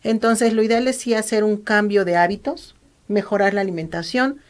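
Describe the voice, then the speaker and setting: Woman, Mexican accent, doctor being interviewed, calm, explanatory, mid pitch. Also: moderate pace. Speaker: ophthalmologist guest. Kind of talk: interview, explaining medical advice.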